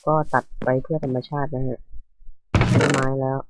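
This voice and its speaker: A man's voice: medium pitch, level tone, normal speed, heavy background noise. A man hosting a casual game commentary, sleepy and chatty, rambling into asides as he plays. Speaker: gaming channel host. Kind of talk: casual Let's Play commentary.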